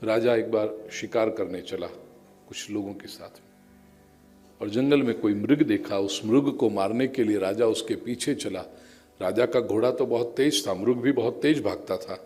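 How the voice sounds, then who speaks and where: A man telling a devotional parable as a sermon, animated, raising his voice as he acts out the characters' cries. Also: on the low side, moderate pace, faint music behind. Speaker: spiritual storyteller. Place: large outdoor or hall religious gathering.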